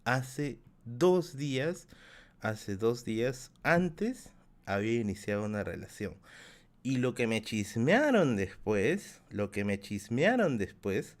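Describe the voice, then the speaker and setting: Slow and lively, with a medium-pitched voice, a Peruvian-accented man in his thirties tells his stream chat a rambling story. Laughter comes often, and so do repeated phrases.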